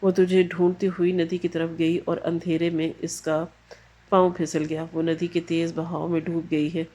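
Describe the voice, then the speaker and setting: A woman's voice: on the low side, level tone, dark tone, lightly acted. A woman voicing a tearful male village friend who tells sad news in a narrated story. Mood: sorrowful. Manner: tearful, sorrowful.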